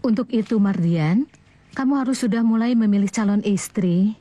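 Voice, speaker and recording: A woman's voice: medium pitch, normal speed, mellow, no room sound, natural voice. An actress playing a devout middle-aged mother who insists on choosing her son's bride. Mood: insistent. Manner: insistent, scolding. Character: devout traditional mother set on matchmaking. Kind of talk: TV drama acting.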